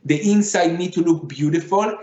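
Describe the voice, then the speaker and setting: Male conference speaker, Middle Eastern accent, non-native English, lightly raised pitch, roomy echo on the sound. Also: moderate pace, mellow. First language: not English. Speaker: conference speaker, digital fashion designer. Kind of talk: conference lecture. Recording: echoey room, slightly dull sound.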